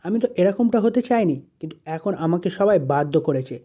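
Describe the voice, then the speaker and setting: A woman's voice: lowish voice, expressive, a little fast. Brief: hurt, defiant young woman, read by a man, pleading, lo-fi. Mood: angry. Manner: pleading, then bitter.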